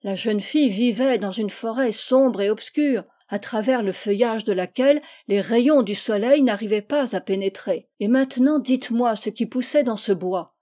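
Old male schoolmaster, lecturing and fussy, a woman puts him on, mellow voice, storybook reading. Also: a little high, normal speed, hardly any pauses, close to an everyday voice. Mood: approving. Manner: coaxing, then exasperated, lecturing.

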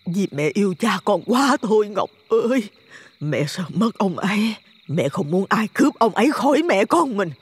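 Shrieking witch mother, a man putting her on, husky falsetto, wildly swooping pitch, cursing and begging. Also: sing-song, normal speed, heavily acted. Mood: pleading. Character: crazed vengeful middle-aged mother, witch. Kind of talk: storytelling with character voices.

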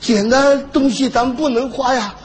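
High-pitched, excitable old grandpa. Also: male voice, normal speed. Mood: excited storytelling. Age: older. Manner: animated, chuckling storyteller. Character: elderly doting grandfather who loves retelling stories. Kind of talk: comedy sketch stage acting. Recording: noisy broadcast stage recording.

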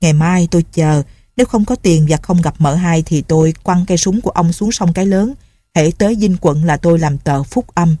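A woman's voice: fairly low pitch, fairly quick, warm tone, no echo, lightly acted. A woman voicing a greedy male corporal bargaining for money in a told story. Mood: eager. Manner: eager and bargaining.

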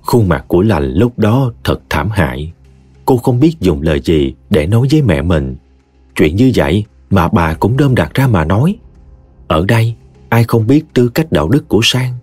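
A man's voice: on the low side, darkish tone, husky, dry recording. A man narrating a story expressively and dramatically.

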